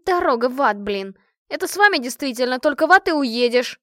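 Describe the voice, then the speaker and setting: A woman voicing a brash, hot-tempered young woman who talks loudly and indignantly with rough slang. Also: high voice, animated, moderate pace, no room sound, clean studio sound, pitched above the performer's own voice.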